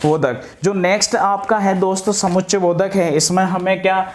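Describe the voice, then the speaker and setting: A man teaching a grammar lesson for exam preparation, asking questions and answering them himself, drawing out key terms slowly and addressing viewers as friends. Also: high voice, steady tone.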